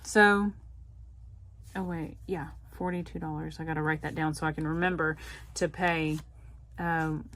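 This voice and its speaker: A woman's voice: sits low, steady tone, unhurried, long pauses, fairly bright tone. A woman with a Southern US accent, chatting casually to her viewers as a budgeting vlogger, laughing often. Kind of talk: casual direct-to-camera chat.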